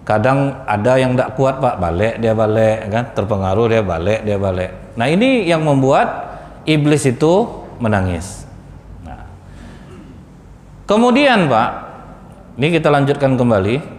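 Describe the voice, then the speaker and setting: Preacher in an echoey hall. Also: male voice, big pitch swings, a little slow, long pauses. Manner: addresses audience as Pak and Bu, acts out dialogue in lowered voice. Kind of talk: sermon storytelling. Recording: echoey hall, faint background noise.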